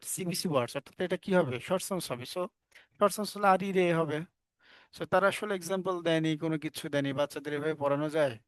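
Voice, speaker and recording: A man's voice: a little high, no echo. A man with a Bangladeshi accent teaching an online class, explaining step by step and asking his students questions. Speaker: English teacher.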